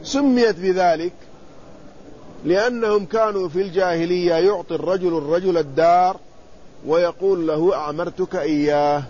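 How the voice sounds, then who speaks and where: A man with a high-pitched voice teaches a hadith lesson, reading lines from a classical commentary and unpacking each one in plain words. He often pauses to pose a question and answer it himself. The recording sounds slightly dull, with a faint hiss of noise behind him. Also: darkish tone. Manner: reads quoted text then explains it plainly, pausing to ask and answer himself. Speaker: Islamic scholar teaching hadith.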